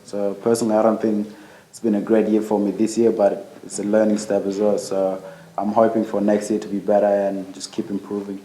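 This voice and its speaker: A young man being interviewed as a football guest, laid-back and halting. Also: lowish voice, completely flat delivery, dark tone. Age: young adult. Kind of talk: casual interview. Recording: roomy echo.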